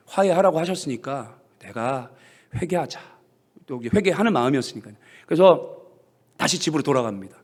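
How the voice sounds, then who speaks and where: A man preaching a sermon as pastor, telling a story with acted-out quotes and ringing calls of hallelujah. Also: on the high side. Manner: animated storytelling with shouted hallelujahs. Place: church sanctuary.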